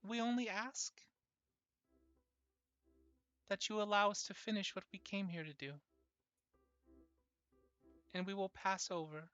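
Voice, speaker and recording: Tabletop game: the game master doing a booming summoned herald, calm menace, bright and forceful tone. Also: clean tone, dry recording, soft background music, natural voice. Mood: solemn. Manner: booming, measured threats.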